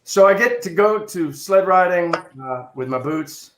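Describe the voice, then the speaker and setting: A man telling a funny childhood story in a casual chat, animated and building to loud punchlines. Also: high voice, a little slow, reverberant, a loud crowd. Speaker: improv comedian telling a story. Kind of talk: casual storytelling on a video call.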